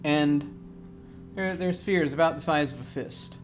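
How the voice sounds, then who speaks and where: A man running a tabletop game as game master, describing scenes with frequent pauses and restarts. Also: a little high, faint music behind. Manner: hesitant, many fillers and restarts.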